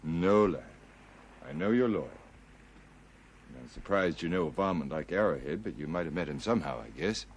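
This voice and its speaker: Deep, folksy frontier scout. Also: male voice, expressive, normal speed, a little hiss or hum. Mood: reassuring. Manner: folksy, reassuring. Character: calm, loyal, plain-spoken frontier scout. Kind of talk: television period drama acting.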